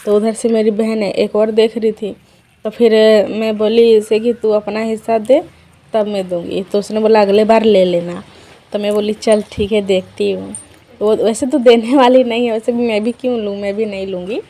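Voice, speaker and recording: A woman's voice: mid-range voice, little pitch movement, normal speed, dark tone, rough recording. Chatty young woman narrating her vlog. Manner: chatty storytelling, addresses viewers as friends. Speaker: vlogger. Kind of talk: casual vlog voice-over narration. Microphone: voice-over dubbed at home.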